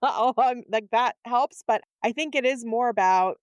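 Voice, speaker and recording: A woman's voice: a little high, moderate pace, clear, resonant tone, no echo, dull audio. A middle-aged woman talking conversationally as a co-host on a casual podcast.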